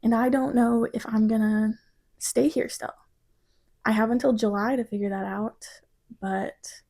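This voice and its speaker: A woman in her twenties, a design student from Missouri, talking about her project in a reflective vlog, halting and emotional at times. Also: fairly high pitch, dark tone.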